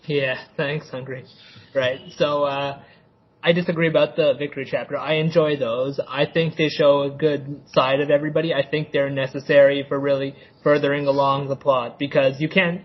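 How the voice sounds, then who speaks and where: A man co-hosting a casual fan podcast, giving his opinion in a measured, reasoned way. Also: mid-range voice, flat delivery. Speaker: podcast co-host. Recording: muffled lo-fi audio.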